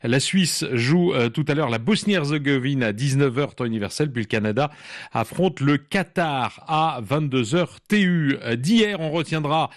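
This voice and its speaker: A man anchoring a radio news bulletin, reading in a measured way with the odd hesitant filler. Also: a little high, animated, dry recording, studio quality.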